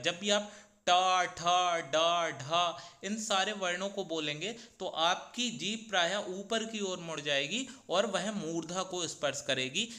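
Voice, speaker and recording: A man teaching a grammar lesson, slowly sounding out each letter in turn. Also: a little high, sharp tone.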